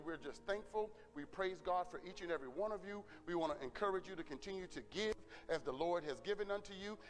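A middle-aged pastor gives the church announcements, his voice sitting fairly high for a man. He speaks earnestly, repeating words and calling out "Amen?" to the congregation. A long reverb trails behind each phrase.

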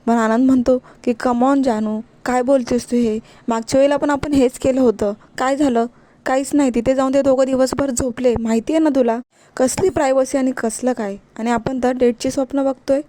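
A woman, hosting a recap of a TV serial and acting out the characters' dialogue in a lively retelling. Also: high voice, a little fast. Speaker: TV serial episode recap narrator.

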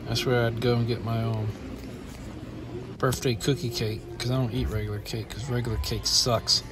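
Holding his phone as he strolls through an indoor mall, a middle-aged man vlogs his tour and airs blunt complaints. He speaks at normal speed with a medium pitch and flat delivery, against a noisy background.

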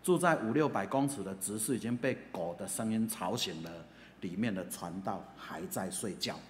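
A man with a Taiwanese Mandarin accent preaches in a chatty, animated storytelling manner, full of filler particles. His voice sits at a middle pitch. The church hall echoes with long reverb over a faint ambience. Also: normal speed, a little hiss or hum. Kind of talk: storytelling sermon.

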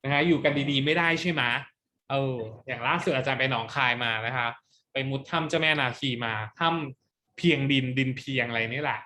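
Male teacher, mid-pitched, playful, runs a lively quiz-style class. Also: a little fast, a little hiss or hum. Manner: playful, quizzing students for answers. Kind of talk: exam-prep classroom lesson.

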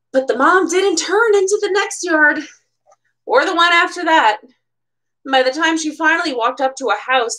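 The recording is rough, capturing a high-pitched, somewhat bright female voice in a small room at home. She is an American bookseller in her twenties reading a children's picture book expressively at a storytime event, pausing now and then for casual, chatty asides.

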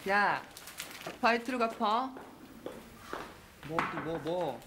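An actress playing a brash, foul-mouthed high school girl who bosses and scolds the others. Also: animated, very slow. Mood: scornful. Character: tough swaggering schoolgirl, crude and bossy. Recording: loud background noise.

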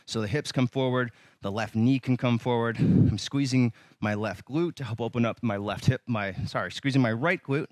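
A man leading a yoga workout, giving calm, encouraging cues with light humor and sometimes slightly out of breath. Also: medium pitch, moderate pace, hardly any pauses, no room sound. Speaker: yoga instructor. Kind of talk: guided yoga class instruction.

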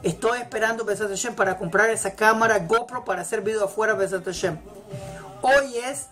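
A woman's voice: mid-range voice, fairly quick, fairly bright tone. A woman giving a motivational religious talk, emphatic and repeating her key phrases. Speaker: religious teacher. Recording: faint music in background. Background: faint celebration music.

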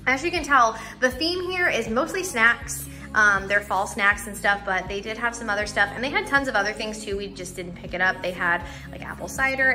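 Chatty young woman over background music. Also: mid-range voice. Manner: chatty, many "like" and "um" fillers. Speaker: lifestyle vlogger. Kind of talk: casual voice-over chat.

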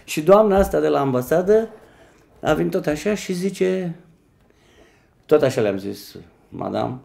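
A middle-aged man from Romania tells stories in a relaxed chat. His voice has a gravelly edge, and his pitch rises and falls a lot. He acts out the people he quotes as he goes. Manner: animated, acts out quoted voices and switches languages. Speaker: guest telling stories. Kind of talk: casual storytelling chat.

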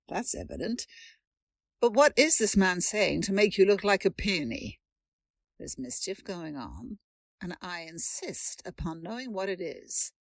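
A woman's voice: fairly low pitch, very animated, unhurried, no room sound, heavily acted. A woman playing a stern, imperious elderly rich aunt who scolds her niece, in an audio drama. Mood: indignant. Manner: haughty, scolding. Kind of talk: radio drama acting.

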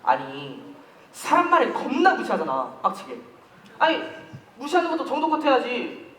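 A man's voice: very high-pitched, wildly swooping pitch, fairly bright tone, full character voice. A teenage boy in a school play, acting a chatty, easily offended schoolboy who grumbles a lot. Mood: fuming. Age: teens. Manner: talkative, quick to take offence, grumbling. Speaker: student actor in a school play. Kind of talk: amateur stage acting. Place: school stage. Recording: echoey hall, mic far from stage, faint noise.

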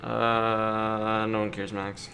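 Over video game music and effects, a gaming host with a fairly low, gravelly voice delivers monotone commentary, drawing out his words. He jokes casually through the playthrough, reacting to characters and reading the captions aloud.

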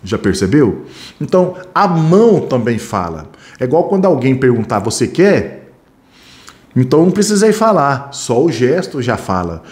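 A man's voice: mid-range voice, normal speed. A middle-aged man with a Brazilian Portuguese accent, a security training instructor teaching in a classroom, talking with his hands and correcting himself as he goes. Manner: animated, talks with his hands, self-correcting. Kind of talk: classroom-style lesson with acted examples.

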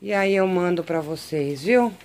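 A woman's voice: lowish voice, measured pace. Doting Brazilian woman cooing at cats. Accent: Brazilian Portuguese. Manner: doting baby talk to cats, excited squeals. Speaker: pet vlogger. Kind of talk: casual chat filming pets. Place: home garden and garage.

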